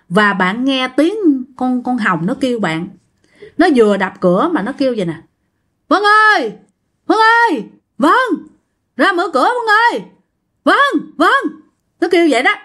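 A woman telling a ghost story to her listeners, acting out the voices of the people in it. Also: fairly high pitch. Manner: lively, acts out the quoted voices. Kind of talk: storytelling to an audience.

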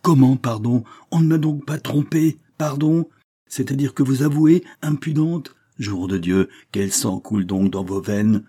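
A man reading the part of a proud older countess in a rage: her voice is pushed up from a low, husky base into loud, wrathful bursts of scorn. The tone stays dark and heavy throughout. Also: steady tone, moderate pace. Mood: furious. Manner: shouting, scornful, wrathful tirades.

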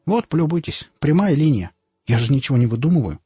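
A man reading an audiobook voices a middle-aged doctor who speaks calmly and matter-of-factly. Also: fairly high pitch, fast talker, husky, no echo, voice pushed up. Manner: calm, matter-of-fact. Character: calm, unflappable middle-aged male doctor. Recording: dull lo-fi audiobook, faint music.

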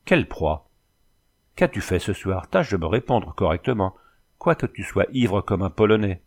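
Reader voicing a cold, commanding gentleman with a brutal temper. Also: sits low, sing-song, moderate pace, exaggerated voice. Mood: harsh. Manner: commanding, curt. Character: stern well-off gentleman, brutal and imperious.

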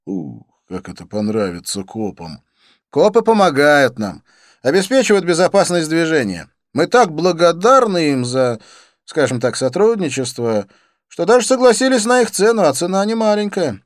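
An eager young racer, as a male audiobook reader puts him on, talking in quick excited bursts that leap up high. His lively voice swings widely in pitch. The sound is dry and close. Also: dry recording. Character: eager young man caught up in a street race.

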